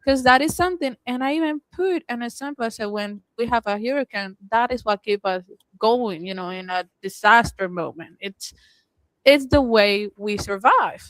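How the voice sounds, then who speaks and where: A woman from Puerto Rico with a Puerto Rican Spanish accent, co-hosting a casual podcast chat and telling animated stories, often laughing and acting out what she said. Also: a little high, moderate pace, no echo, poor audio. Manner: animated storytelling, laughs often, quotes herself. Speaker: podcast co-host.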